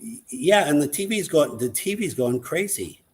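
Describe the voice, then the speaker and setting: A man's voice: on the high side, animated, moderate pace. Earnest man, a show guest. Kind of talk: casual chat on a live online show.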